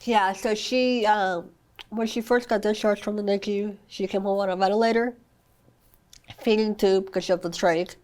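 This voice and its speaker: This young mother appears as a podcast interview guest to discuss her child's rare condition. Her mid-range voice is a little mellow, with fairly even intonation and a normal pace. She speaks earnestly, leaning on "I mean" and "you know," and an occasional cough shows she's recovering from being ill.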